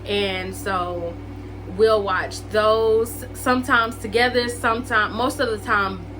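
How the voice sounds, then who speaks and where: Faint music plays behind this poorly recorded clip of a woman in her late twenties, a vlogger speaking slowly in a steady, medium-pitched, fairly bright voice. Chatting to camera so viewers can get to know her, she says "like" and "um" a lot and calls them "y'all" and "guys."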